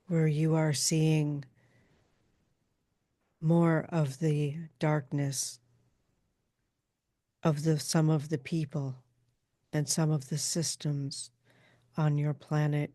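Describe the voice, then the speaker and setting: A woman trance channeling a calm female spirit like a seance medium, speaking in formal, halting, measured pronouncements. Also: low-pitched, no echo, clean studio sound.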